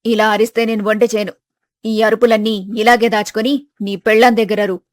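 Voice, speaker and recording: A woman's voice: mid-range voice, flat delivery, normal speed, no echo, studio quality, close to an everyday voice. A woman playing a bossy determined mother. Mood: insistent. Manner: insistent, scolding. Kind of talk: storybook voice acting.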